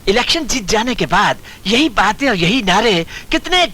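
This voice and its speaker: An actor playing a sly, greedy political fixer in a Hindi film comedy, fawning theatrically. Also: male voice, high voice, sing-song, normal speed, sharp tone, full character voice. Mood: mock wistful.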